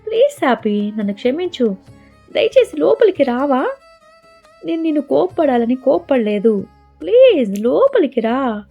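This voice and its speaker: Woman doing a hot-tempered young man, loud. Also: fairly high pitch, lively intonation, moderate pace. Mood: pleading. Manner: loud, scolding then pleading. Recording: dull lo-fi with faint music.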